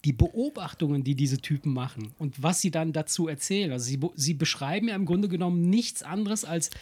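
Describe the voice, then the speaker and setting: A man with a fairly high voice chats loosely on a podcast. He rambles, piles up fillers and false starts, and swears offhandedly. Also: animated, fairly quick, a little mellow, husky. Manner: rambling, many fillers and restarts, swears casually. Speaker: podcast co-host. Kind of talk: casual chat.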